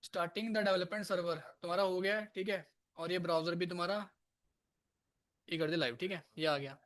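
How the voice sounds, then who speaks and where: High-voiced man teaching a live coding class. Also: steady tone, normal speed, fairly bright tone. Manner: casual, scolds and coaxes students. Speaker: programming teacher.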